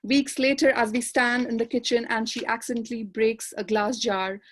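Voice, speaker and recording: A woman from Kashmir, reading her poetry aloud in a measured, lyrical way on a panel discussion held over a video call. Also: a little high, little pitch movement, fairly bright tone. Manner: measured, lyrical recitation with repeated refrains. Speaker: poet and panelist.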